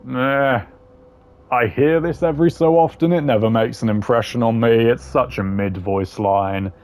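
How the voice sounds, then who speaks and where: A man with a mid-range, darkish voice talks at a moderate pace while ranking game voice lines for his gaming videos. His commentary is casual and opinionated, blunt, informal, and full of slang.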